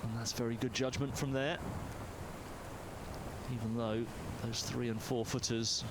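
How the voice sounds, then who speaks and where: A man's voice: mid-range voice, flat delivery, measured pace. A man giving live golf commentary as a commentator out on a windy course. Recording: loud wind noise on microphone. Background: strong outdoor wind.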